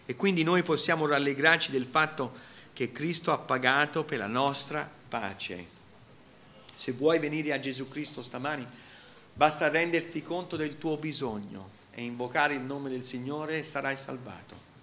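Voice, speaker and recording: A man preaching a sermon, emphatic, swinging between loud exclamations and quiet, low asides. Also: moderate pace, slight background noise.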